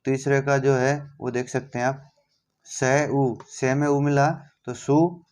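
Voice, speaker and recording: Male teacher, unhurried and patient, reads a term aloud and then unpacks it. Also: mid-range voice, little pitch movement, a little mellow. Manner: slow, patient, reads a word then explains it. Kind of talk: explaining a lesson.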